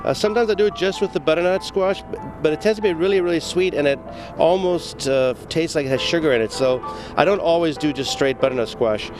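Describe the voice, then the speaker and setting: A man's voice: fairly high pitch, fast talker, music in the background. A man from Zimbabwe, an executive chef, giving a chatty, stop-start cooking demo full of fillers on an outdoor patio for morning news.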